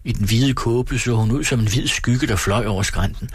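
A man reading a story aloud in a measured, lyrical manner. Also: medium pitch, husky, no room sound. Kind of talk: audiobook narration.

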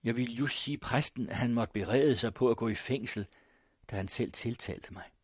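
A man narrating a first-person story in a measured, grave manner. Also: medium pitch, breathy edge, no room sound, studio quality. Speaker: audiobook narrator.

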